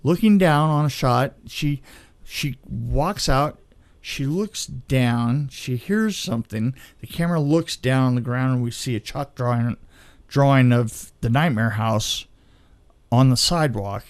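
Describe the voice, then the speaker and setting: A film crew veteran shares behind-the-scenes movie anecdotes on a podcast, keeping it casual and conversational and acting out the exchanges he quotes. His mid-range voice moves at a measured pace, with no room sound.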